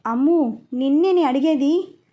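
A woman's voice: high-pitched, measured pace, mellow, muffled recording. A woman reading as a stern protective young man. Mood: firm. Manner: firm, commanding.

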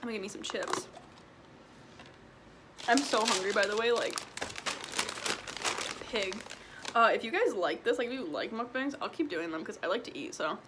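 An animated twenty-year-old from Illinois vlogs a casual mukbang Q&A, eating as she fields viewer questions in a small room at home. Her mid-range voice moves at a normal speed with frequent pauses, against a noisy background. She's talkative, with lots of "like" and "um."

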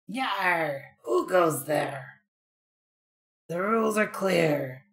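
A woman's voice: on the low side, animated, drawn-out words, full character voice. A woman voicing a blustering, commanding pirate from a video game who guards the captain's cabin. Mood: suspicious, commanding. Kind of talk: reading video game dialogue in character.

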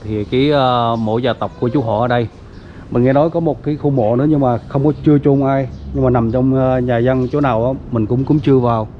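A man with a mid-pitched voice walks viewers around an old family grave site, talking in a loose, chatty way full of fillers. The sound is dull and lo-fi, with faint outdoor noise behind him. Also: fairly even intonation, brisk. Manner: chatty, many fillers, addresses viewers as everyone. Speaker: vlogger. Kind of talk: casual walking tour narration. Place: outdoors at a cemetery gate.

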